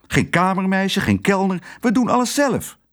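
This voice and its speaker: A man's voice: mid-range voice, huge pitch swings, unhurried, slightly rough, exaggerated voice. A man doing a fretful hotel owner. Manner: fretful, complaining. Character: gloomy, anxious middle-aged male hotel owner.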